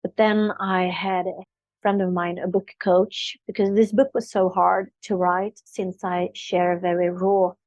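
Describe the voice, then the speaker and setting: A middle-aged Swedish woman, an author and spiritual coach whose first language is Swedish, speaks earnestly in English about spiritual growth in a podcast interview, her talk flowing steadily. Her voice is lowish, level, a little slow and darkish, on a muffled recording with no room sound.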